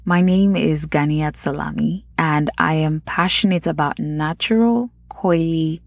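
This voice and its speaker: A woman's voice: low voice, a little slow, gravelly, no echo, studio quality. A woman with a Nigerian accent hosting a podcast, chatting casually and talking straight to her listeners. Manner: chatty, addresses listeners directly. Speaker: podcast host.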